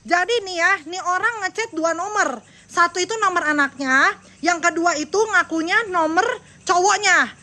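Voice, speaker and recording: High, bright, agitated woman outdoors. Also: moderate pace. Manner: agitated, accusing, addressing viewers. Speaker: vlogger confronting a scammer. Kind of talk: heated live confrontation. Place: outdoors in front of a house.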